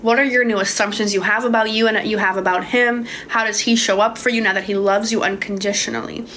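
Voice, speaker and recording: Chatting on a phone-recorded livestream, this young manifestation coach from Hungary fields viewer questions on manifesting, cursing casually and calling people babe. Her mid-range voice is fairly bright, quick-paced and fairly even in intonation, with slight background noise.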